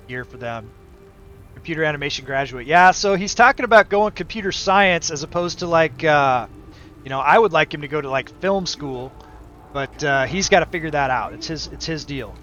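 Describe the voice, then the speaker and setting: A man's voice: fairly high pitch, a bit bright. Game stream host: middle-aged man, casual chat, dull lo-fi mic, light background music. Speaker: livestream host.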